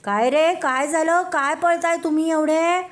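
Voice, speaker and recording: A woman voicing a curious monkey in a children's story, asking loud nosy questions. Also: extremely high pitch, a little slow, pitched above the performer's own voice.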